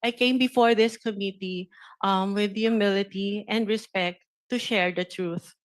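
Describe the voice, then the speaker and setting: A middle-aged woman with a Filipino accent, a contractor testifying at a senate hearing, speaking in a measured, polite and deferential way. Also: medium pitch, steady tone. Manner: measured, polite, deferential, addresses "Your Honor" with "po". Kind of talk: formal prepared statement and answers at a hearing. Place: senate committee hearing room.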